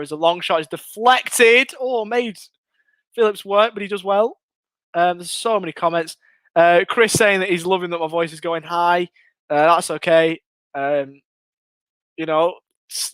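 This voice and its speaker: This dry recording captures a high-pitched young English man commentating a match during a live fan watchalong. Chatty and excitable, he reads viewer comments aloud while his voice goes hoarse and starts to fail.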